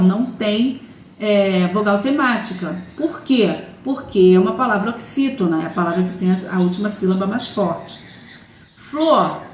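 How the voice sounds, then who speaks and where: Patient woman teacher in an echoey room. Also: mid-range voice. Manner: patient, repetitive explaining with many "né?" and "tá?" checks. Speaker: Portuguese teacher. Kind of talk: online grammar lesson. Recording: echoey room with faint noise.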